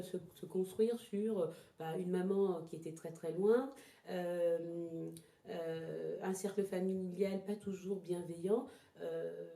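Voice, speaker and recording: Her voice is very soft, dark, relaxed, and sits slightly low as she reflectively answers an interviewer, often stopping and repeating words to find the right phrase. She's a traditional therapy practitioner born in Togo who lived in Ghana and moved to France as a child. The indoor house recording is roomy, with audible echo.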